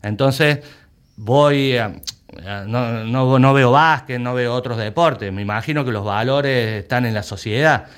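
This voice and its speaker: A man's voice: medium pitch, a little slow, smooth. Emphatic Argentine man, repeating himself. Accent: Argentine Spanish. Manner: emphatic, repeats words while searching for them. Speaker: rugby club president. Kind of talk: conversational interview.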